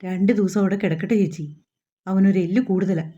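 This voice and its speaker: A woman's voice: medium pitch, fairly even intonation, a little fast, warm tone, dull audio, natural voice. A woman reading a stubborn, domineering man. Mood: stern.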